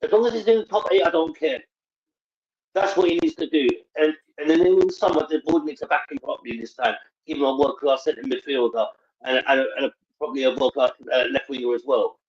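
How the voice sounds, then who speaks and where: A man's voice: fairly high pitch, brisk. A man calling in to a casual football chat, talking with a sore mouth that has stitches after dental work. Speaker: fan caller. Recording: dull lo-fi call audio.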